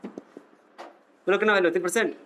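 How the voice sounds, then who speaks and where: A man's voice: high-pitched, expressive, a little fast, a bit bright, a little hiss or hum. A male physics teacher works through problems. He teases and quizzes his students as he goes. He keeps the lecture playful and joking. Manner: teasing, jokey, quizzes the students.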